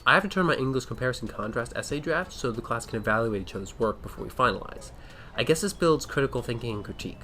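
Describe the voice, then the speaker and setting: A man's voice: mid-range voice, expressive, fast, pushed and bright, slight background noise. A young man, a student vlogger, narrating with a wry, dryly joking manner. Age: young adult. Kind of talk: vlog narration. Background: music.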